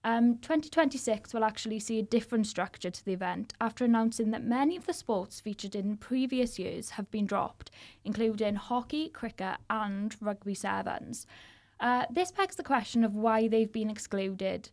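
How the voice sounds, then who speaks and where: A woman's voice: a little high, moderate pace, a little mellow. A young woman with a Welsh Valleys accent, co-presenting an informal student radio discussion. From the South Wales Valleys. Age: young adult.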